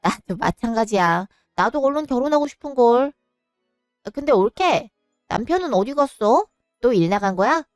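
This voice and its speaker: A woman's voice: on the high side, animated, normal speed, no echo, clean studio sound, soft background music, lightly acted. A woman voicing a mocking, breezy young sister-in-law in a storybook drama. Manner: breezy, teasing. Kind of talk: storybook voice acting.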